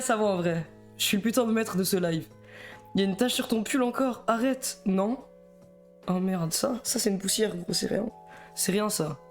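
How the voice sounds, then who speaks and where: A young man with a Belgian French accent chatting casually on a live stream, nervous and self-mocking, stammering and rambling between laughs. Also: high-pitched.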